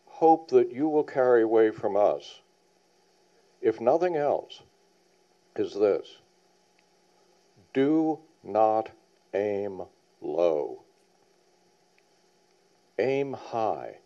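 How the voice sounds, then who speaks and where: A man's voice: mid-range voice, dark tone. A man on a planning panel giving a public presentation, earnest and emphatic, repeating key points. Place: public meeting hall. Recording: dull lo-fi sound.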